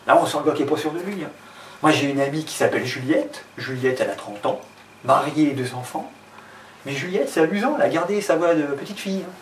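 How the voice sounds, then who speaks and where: A man performing a one-man stand-up show in a hall, chatty and deadpan, with lots of fillers, recorded from a distant mic. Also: fairly high pitch, fast. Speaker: stand-up comedian. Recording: roomy hall, far from mic, faint noise.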